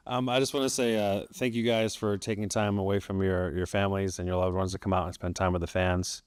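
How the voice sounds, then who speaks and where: Low voiced guy from the crowd asking a heartfelt question, smooth voice, dry mic, polite. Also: level tone, brisk, dry recording. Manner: polite, sincere, a little hesitant. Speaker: audience member asking a question. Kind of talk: fan question at a panel.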